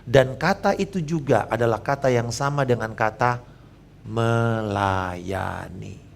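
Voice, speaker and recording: A man in his fifties, a pastor preaching a sermon in a lively way and joking with the congregation. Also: medium pitch, moderate pace, a little hiss or hum.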